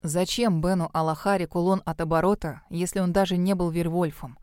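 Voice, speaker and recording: A woman reading an audiobook who voices a sullen male werewolf master, dropping her voice low and hushed. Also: steady tone, a little fast, clean tone, dry recording, clean studio sound, natural voice. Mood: gloomy.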